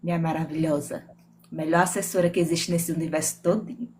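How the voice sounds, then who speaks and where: A woman from Mossoró in Northeast Brazil, with a Northeastern Brazilian accent, chats playfully as a guest author on a live video call from home. Her voice is low-pitched, steady and darkish, moving fairly quickly. Slight background noise comes from a home room with air conditioning.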